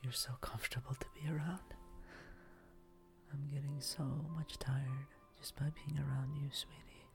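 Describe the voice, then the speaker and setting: A man whispering softly in an intimate, affectionate boyfriend roleplay for ASMR. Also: medium pitch, level tone, moderate pace, gravelly, soft background music.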